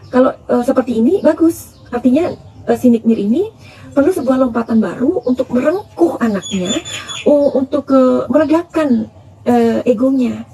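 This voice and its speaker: A woman's voice: high-pitched, mellow, slight background noise. A middle-aged woman reading tarot cards in a chatty, advising way, calling her listeners "dear". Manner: chatty, calls listeners "sayang", counsel-giving. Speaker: tarot reader.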